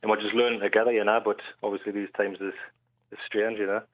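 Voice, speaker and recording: A man with a North East English accent chats casually as a caller. His voice is a touch low and his speech is colloquial. It comes through a muffled, narrow telephone line. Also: little pitch movement, quick pace. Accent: North East England. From North East England. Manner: colloquial, frequent "you know" and "aye". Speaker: phone-in caller, band singer. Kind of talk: casual chat. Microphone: telephone call to radio show.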